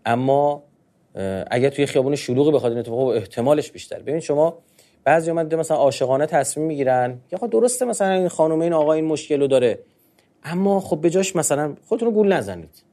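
A man's voice: a little high, animated, mellow. A man giving a conversational religious talk on marriage. He talks in an informal way with polite fillers, and he keeps asking rhetorical questions and answering them himself.

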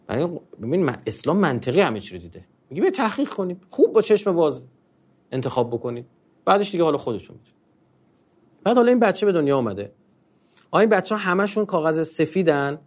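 A man with a fairly high voice gives a religious talk in an easy, conversational way. He keeps the listeners engaged with rhetorical questions that he answers himself. His speech stays informal and uses polite fillers. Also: darkish tone.

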